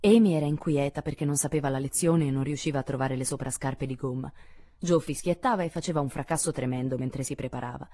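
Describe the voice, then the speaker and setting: A woman narrating a classic novel as an audiobook, measured and expressive, dropping her voice for quieter passages. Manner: measured, expressive, lowering for asides. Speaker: audiobook reader.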